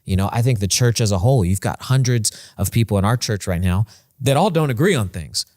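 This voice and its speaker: A man's voice: fairly low pitch, lively intonation, fairly quick, a little mellow, no echo. Casual male podcast host, close dry sound. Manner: informal, encouraging, slangy. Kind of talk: casual chat and interviewing.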